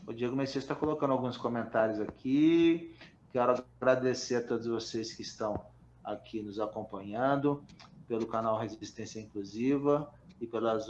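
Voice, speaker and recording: A man's voice: mid-range voice, slight background noise. Enthusiastic male host on roomy, dull audio. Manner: enthusiastic, reads viewer comments. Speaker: interview host. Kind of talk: live-stream interview hosting.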